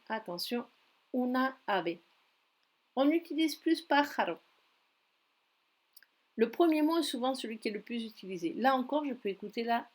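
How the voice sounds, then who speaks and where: A woman with a Spanish accent, a teacher walking students step by step through an online dictionary in a screen-recorded tutorial. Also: fairly high pitch. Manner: step-by-step, patient explaining.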